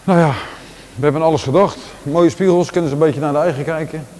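A man in his forties with a Rotterdam Dutch accent, giving a relaxed walking tour of his large indoor gym, talking casually with lots of fillers and restarts. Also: fairly high pitch, quick pace, slight background noise. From Netherlands. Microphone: handheld camera following him.

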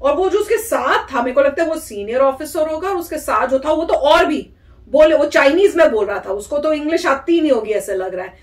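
A woman vlogger giving casual, animated reaction commentary and imitating the people she is reacting to. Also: sits high, brisk. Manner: animated, mimics the soldiers' lines. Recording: echoey room.

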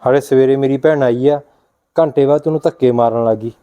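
A man's voice: mid-range voice, fairly even intonation, fairly quick, warm tone, clear, resonant tone, highs cut off, close to an everyday voice. A man playing a stern husband who scolds his wife and comforts his sister. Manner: stern, reproachful. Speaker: husband and brother.

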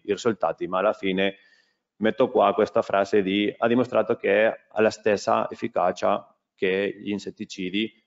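Low-voiced man presenting in Italian. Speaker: conference speaker, agricultural product specialist. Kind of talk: conference presentation. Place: conference hall at a lectern. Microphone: lectern gooseneck microphone. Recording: dull, muffled lecture-hall sound.

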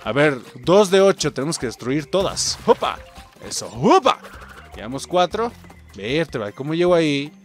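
Young Mexican gaming host, casual and chatty, voice on the higher side, lively delivery. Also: male voice, normal speed, soft background music. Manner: excitable, chatty, often calls out to viewers. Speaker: gaming YouTuber. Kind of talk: let's play commentary.

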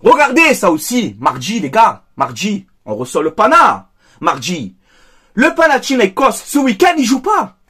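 A man's voice: high-pitched, wildly swooping pitch, unhurried, sharp tone, slightly rough. An angry man, giving a heated football debrief as a fan commentator, emphatic and repeating himself. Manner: heated, emphatic, repeats phrases, addresses viewers as "les gars". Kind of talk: angry post-match debrief monologue.

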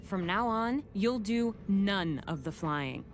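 Firm, exasperated robot warrior mentor. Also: female voice, mid-range voice, expressive, slow pace. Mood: stern. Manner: firm, instructive, urgent. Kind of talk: animated cartoon acting. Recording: loud music and effects behind.

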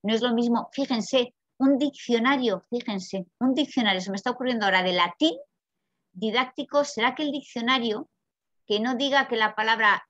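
A woman from Spain with a Peninsular Spanish accent giving a lively, chatty seminar lecture and asking the audience questions. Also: fairly high pitch, normal speed, no echo. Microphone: video call. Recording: dull, dry video call audio.

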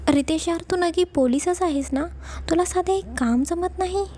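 A woman's voice: fairly high pitch, fairly even intonation, measured pace, vocal fry, warm tone. A woman voicing an irritable young husband who answers in short, snappish lines in a storybook reading. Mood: anxious.

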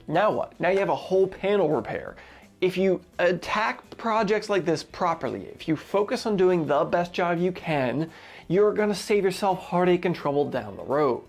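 A man's voice: fairly high pitch, a little mellow. A young man teaching auto body sheet metal work straight to camera, earnest and emphatic, in an indoor garage studio. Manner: earnest, emphatic, direct advice to viewers. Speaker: auto body fabrication instructor. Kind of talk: instructional video talk to camera.

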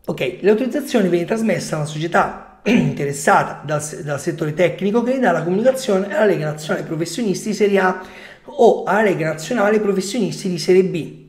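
A man in his forties with a coughy, subdued voice, often clearing his throat, giving casual explanatory commentary straight to his viewers. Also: sits high, fast. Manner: conversational, addressing viewers directly. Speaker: football video host. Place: small home room, indoors. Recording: echoey room.

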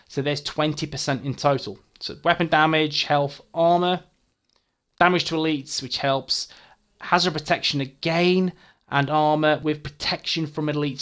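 Excitable man talking through a game build. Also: on the high side. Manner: excitable, stumbles over words, swears casually. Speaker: gaming YouTuber.

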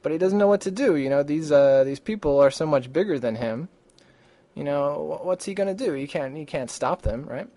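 A man tutoring vocabulary in a relaxed, chatty way, with lots of fillers and restarts. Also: on the high side, fairly quick, dry recording. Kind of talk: casual vocabulary lesson.

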